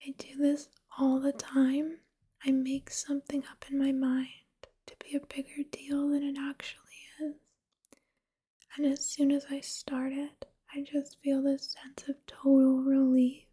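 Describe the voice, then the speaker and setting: A woman giving a whispered ASMR pep talk, speaking gently and reassuringly in a soft, unvoiced whisper. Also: sits high, monotone, measured pace.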